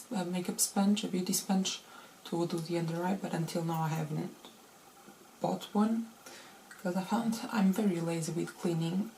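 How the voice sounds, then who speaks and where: A woman's voice: on the low side, creaky, darkish tone, slight background noise, rough recording. Woman vlogger with a rusty morning voice. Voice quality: slightly rusty, unused morning voice. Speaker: beauty vlogger. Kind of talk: casual chatty makeup tutorial.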